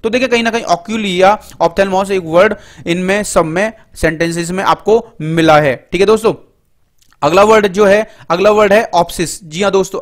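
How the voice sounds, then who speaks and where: A middle-aged man teaching English vocabulary through word roots in a Hindi lecture, explaining step by step and reading English definitions out slowly. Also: high voice. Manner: explains word roots step by step, often says "ठीक है" and "दोस्तों".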